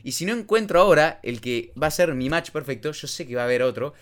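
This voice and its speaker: A man with an Argentine Rioplatense Spanish accent co-hosts a casual podcast, tossing out slang, casual swearing and math analogies. He talks fast and animatedly in a voice on the high side.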